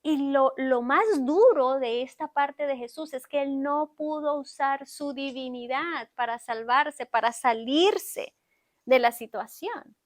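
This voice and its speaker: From the pulpit of a church sanctuary, a high-voiced woman preacher gives a slow sermon. She addresses her congregation directly and often pauses to put questions to them.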